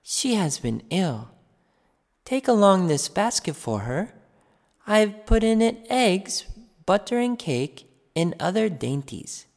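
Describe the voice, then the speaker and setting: A man doing a gentle storybook mother. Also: high voice, sing-song, slow pace, vocal fry, big-room sound, pitched above the performer's own voice, exaggerated voice. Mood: instructing. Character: caring mother of a little girl.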